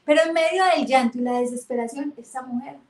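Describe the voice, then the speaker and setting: Woman teaching with lively storytelling. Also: sits high, fast, reverberant. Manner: warm, animated storytelling with emphatic retellings.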